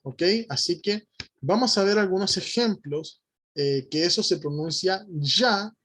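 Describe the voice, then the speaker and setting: With a high, husky voice, a man teaches his congregation a Bible lesson, methodically spelling out letters and frequently checking in with listeners.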